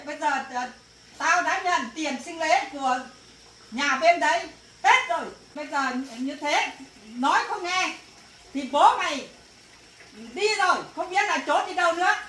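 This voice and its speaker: A woman acting as an angry rural mother who scolds her daughter, in a family drama. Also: extremely high pitch. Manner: scolding, shouting bursts. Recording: echoey, from far off, faint noise.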